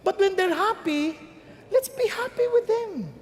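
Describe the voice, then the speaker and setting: A Filipino woman preaching a sermon in a mix of Tagalog and English, animated, acting out little scenes between parents and children. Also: very high voice, unhurried. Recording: long hall reverb.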